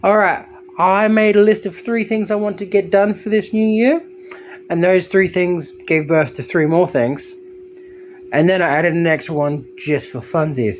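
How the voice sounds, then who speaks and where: This is casual vlog narration from a homesteader, a man recording his day on a phone he holds himself and joking at his own expense. His voice sits high and moves at normal speed. There's a little hiss or hum on the track.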